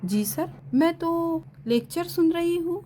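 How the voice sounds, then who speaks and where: A woman reading the part of a heartbroken young female student, speaking softly and sorrowfully. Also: high-pitched, unhurried, a little hiss or hum. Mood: flustered. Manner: soft and sorrowful.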